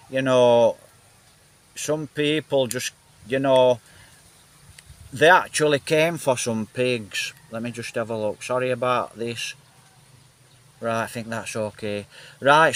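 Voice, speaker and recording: A man with a Northern English accent chatting casually into a phone, rambling and repeating himself with lots of fillers. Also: medium pitch. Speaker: vlogger. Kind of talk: casual rambling vlog chat. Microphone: phone held in hand, then on a gimbal.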